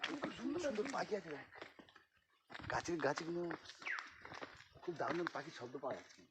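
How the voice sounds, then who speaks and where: A travel vlogger walks a forest trail and talks low into his camera. His pitch rises and falls with animation, and loud outdoor noise sits under every word. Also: very animated, fairly quick. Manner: talks softly so as not to scare birds. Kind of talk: walking vlog narration. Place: outdoors in a forest on a hill trek. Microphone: camera mic while walking.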